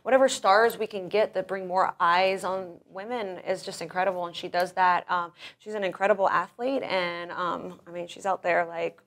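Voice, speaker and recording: Enthusiastic woman, low-pitched and rambling. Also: steady tone, normal speed, few pauses, fairly bright tone. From grew up in Russia, born in Florida. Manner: enthusiastic, rambling with many restarts and fillers. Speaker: guest, professional wrestler. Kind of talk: casual interview.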